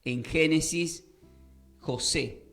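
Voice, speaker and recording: Man teaching Bible on radio, a bit high-pitched, emphatic and questioning, faint music underneath. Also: very slow, a bit bright. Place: radio studio.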